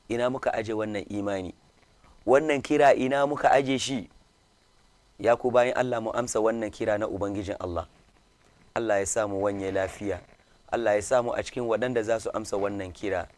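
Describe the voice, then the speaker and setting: Guy hosting an interview, lowish voice, steady, echoes back what his guest says. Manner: measured, repeats guest's answers back. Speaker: host. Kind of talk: radio interview, opens with Hausa sermon.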